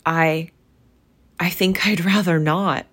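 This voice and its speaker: A frightened old miser pleads in a storybook reading, voiced by a woman. His voice climbs high and falters. He begs and hedges, loud with nerves. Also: slow pace. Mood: faltering.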